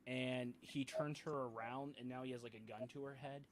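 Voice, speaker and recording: A man narrating a tabletop game as game master, halting and full of fillers and restarts. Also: mid-range voice, steady tone, slight background noise. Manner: hesitant, many fillers and restarts.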